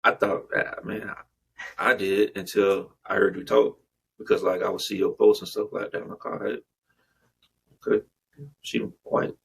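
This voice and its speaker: Low gravelly male podcast host. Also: steady tone, normal speed, slight background noise, low-quality recording. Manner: slangy, rambling questions with many restarts. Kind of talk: casual podcast chat.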